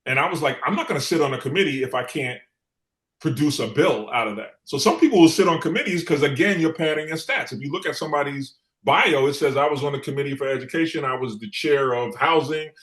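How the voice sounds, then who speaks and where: Speaking fast with a fairly high, bright voice, a middle-aged man from New York City appears as an interview guest. Once a city council member, he chats through his stories and repeats phrases to stress points; the recording carries echoey room sound.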